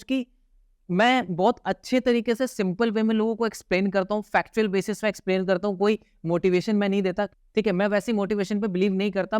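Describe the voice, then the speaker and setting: A young male instructor with a high, smooth, resonant voice gives a recorded course lesson in a dry, close room. He is emphatic and keeps checking in with the viewer. He poses questions and answers them himself, and he plays with his tone and pauses on purpose. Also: no echo. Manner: emphatic, keeps asking "theek hai?" to check in; talks in rhetorical questions, then answers them.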